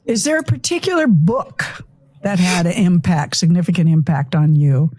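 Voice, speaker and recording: A woman's voice: fairly low pitch, animated, normal speed, darkish tone, no room sound. Encouraging woman interviewer, dry sound. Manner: encouraging, with brief affirming replies. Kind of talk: casual interview conversation.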